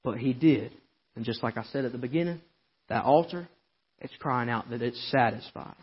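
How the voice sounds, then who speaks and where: A male preacher giving a sermon, swinging between hollering and a quiet, intimate tone. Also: medium pitch, normal speed, slightly rough, highs cut off. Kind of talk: Southern Baptist-style sermon. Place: church sanctuary.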